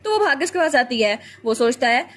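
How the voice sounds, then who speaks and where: Fast high-voiced woman storyteller. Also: sing-song, a bit bright. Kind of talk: comic recap narration.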